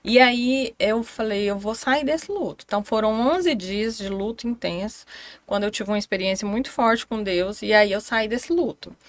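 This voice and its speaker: A woman's voice: mid-range voice, normal speed, no echo. A middle-aged Brazilian woman telling her cancer story, acting out her children's voices when she quotes them. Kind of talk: emotional personal storytelling.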